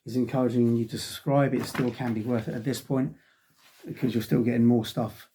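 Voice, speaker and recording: This is a husky, dark-toned male voice in the mid range, steady and fairly quick. A middle-aged man nursing a cold that's costing him his voice, he reviews a wargaming magazine in a loose, rambling way, with frequent sighs and ums to fill the gaps.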